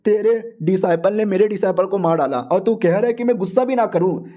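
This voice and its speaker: A man voicing a furious, vengeful male elder who shouts threats at his rivals. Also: high-pitched, a little fast, natural voice.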